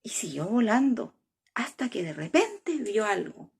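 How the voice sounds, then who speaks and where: A woman telling a children's story in a slow, expressive way, with a husky, breathy voice and whispered asides. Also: mid-range voice.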